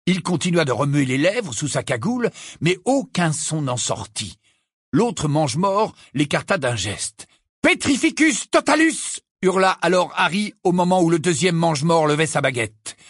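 A man reading an audiobook aloud with dramatic, expressive narration. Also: on the high side, moderate pace, breathy edge, no echo, clean studio sound.

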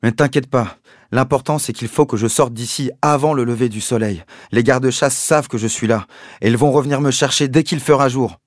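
A man voicing a trapped, injured father who stays calm and reassures his son. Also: mid-range voice, brisk, no echo, studio quality, pitched above the performer's own voice, natural voice. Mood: reassuring. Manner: reassuring despite pain. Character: trapped father, hurt but steady and caring.

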